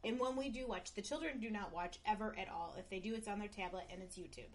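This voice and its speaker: A middle-aged woman co-hosting a home podcast, chiming in with quick teasing remarks. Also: medium pitch. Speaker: podcast co-host. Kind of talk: casual chat. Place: home bedroom.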